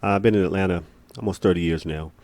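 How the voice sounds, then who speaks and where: A man, a guest on a dating talk show, introducing himself in a joking, halting way, heard from off the mic. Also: low-pitched, fairly even intonation, darkish tone, no room sound.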